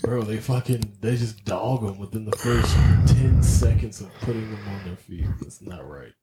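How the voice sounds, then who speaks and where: A man's voice: moderate pace, a crowd in the background. A young man co-hosting a podcast, cursing and joking through a rambling casual chat full of fillers. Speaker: podcast co-host. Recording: noisy low-quality setup.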